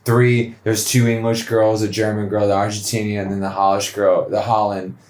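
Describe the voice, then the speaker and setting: Animated American guy in echoey room. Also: lowish voice, normal speed. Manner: animated storyteller, swears casually. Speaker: podcast co-host. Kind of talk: casual travel chat.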